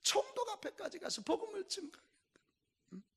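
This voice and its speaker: A middle-aged male pastor preaching a sermon emphatically, swinging between loud and soft and throwing questions to the congregation. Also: very high-pitched, very animated, fairly quick. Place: church sanctuary. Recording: echoey church hall.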